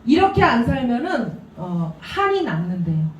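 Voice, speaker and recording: A woman giving a business seminar talk, telling stories in an animated way with laughing asides. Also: a little high, moderate pace, slight background noise. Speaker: seminar speaker. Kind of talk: business presentation. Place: seminar room. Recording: echoey room, distant mic.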